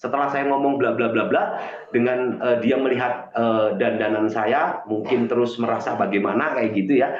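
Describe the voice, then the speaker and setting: A man's voice: medium pitch, steady tone, normal speed. A man telling a story earnestly on a live stream. He hesitates often and restarts his sentences with many fillers. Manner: earnest and confessional. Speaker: guest on a live stream, self-styled healer. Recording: echoey, dull lo-fi stream audio.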